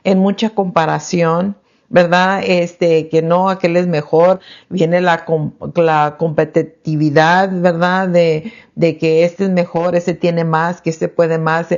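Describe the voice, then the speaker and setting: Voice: mid-range voice, level tone, slow pace. A podcast co-host in a parenting talk who listens closely, affirms often, and adds her own points in conversation. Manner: affirming listener, frequent soft acknowledgments. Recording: dull lo-fi podcast audio.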